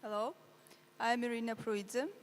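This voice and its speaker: Woman, panel chair, brief and halting, echoey conference room. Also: a little high, steady tone, a little hiss or hum. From Georgia. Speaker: regional committee chair. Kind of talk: panel self-introduction. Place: large conference hall.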